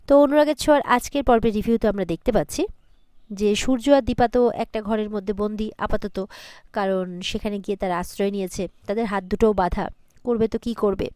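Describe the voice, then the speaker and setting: A woman's voice: mid-range voice, darkish tone, no room sound. A woman retelling a TV serial episode in a casual recap, relaying the characters' dialogue with small restarts.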